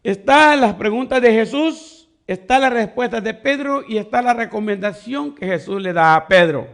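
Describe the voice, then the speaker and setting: A man's voice: extremely high pitch, animated, normal speed, a bit bright. A man preaching a sermon as pastor, teaching step by step and leaning on quoted questions. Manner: teaching Bible study, explains words step by step.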